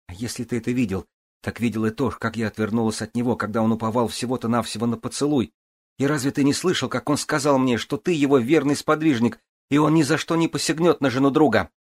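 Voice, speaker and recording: A man reading an audiobook, voicing a furious, tearful young noblewoman who shouts indignantly. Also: mid-range voice, fairly even intonation, fast, pitched above the performer's own voice, close to an everyday voice. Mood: pleading.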